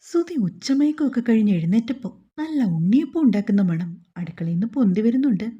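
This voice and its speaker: Husky woman narrating a story. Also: fairly high pitch, expressive, quick pace, dark tone. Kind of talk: scripted narration of a short story. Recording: dull lo-fi recording.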